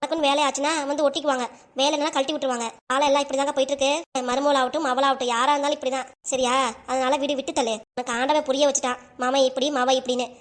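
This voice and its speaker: Woman playing caring younger friend, cartoon, consoling, scolding, fast talker. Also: high-pitched, level tone, lightly acted. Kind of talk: cartoon voice acting.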